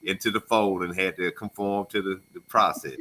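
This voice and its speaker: A man's voice: low voice, steady tone, normal speed, pushed and bright. A man from Alabama, co-hosting a radio show in casual banter. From Alabama, USA. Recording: noisy, with background ambience.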